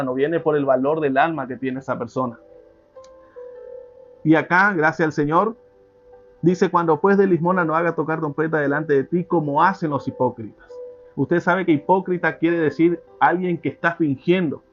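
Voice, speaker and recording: A preacher gives a sermon slowly, repeating himself and restarting his phrases. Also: a little high. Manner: slow, repetitive teaching with many restarts. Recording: dull lo-fi recording.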